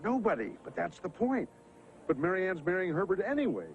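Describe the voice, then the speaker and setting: An actor playing a hearty male boat captain who fondly scolds his bumbling friend in a booming way. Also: very animated, a little fast, gravelly, muffled recording, a little hiss or hum, full character voice.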